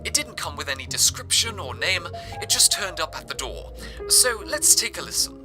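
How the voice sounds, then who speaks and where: A medium-pitched, sing-song voice at moderate speed voices a florid, sentimental city radio host, reading scripted broadcast narration over music. It's an amateur audio drama, and the mood is theatrical and genteel.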